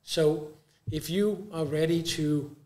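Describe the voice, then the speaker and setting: A man's voice: on the high side, steady tone, slow, darkish tone. A man on a panel, explaining points casually with everyday images and repeated words. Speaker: guest panelist. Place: live conference venue. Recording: echoey live event recording.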